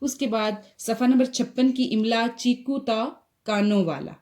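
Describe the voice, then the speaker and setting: A woman's voice: a little high, measured pace, darkish tone. A woman from Pakistan with a Pakistani Urdu accent teaching young children to write, spelling out letters one by one. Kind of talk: recorded Urdu writing lesson for young children.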